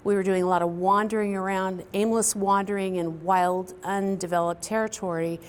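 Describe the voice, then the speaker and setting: A middle-aged woman from Kansas, a quilt artist, talking reflectively about her work in a recorded artist talk, with pauses and fillers. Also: mid-range voice, steady tone, clear, resonant tone. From Kansas, US Midwest. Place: indoor studio, quilt hanging behind her.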